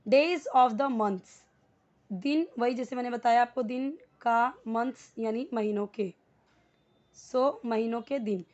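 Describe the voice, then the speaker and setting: A woman teaching spoken English in Hindi, explaining grammar step by step and repeating words slowly for learners to copy. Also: a little high, darkish tone. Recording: dull lo-fi recording.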